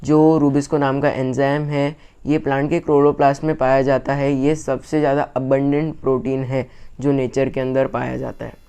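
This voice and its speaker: A man with an Indian accent teaching an exam revision lesson, reading each English line very slowly and then explaining it in quicker Hindi. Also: medium pitch, little pitch movement, warm tone, smooth.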